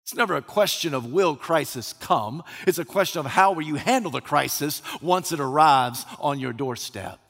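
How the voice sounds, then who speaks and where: A man's voice: fairly high pitch, a bit bright. Man preaching in a reverberant hall. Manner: reverent Scripture reading, then emphatic preaching with rising repetitions. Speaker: pastor. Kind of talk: sermon.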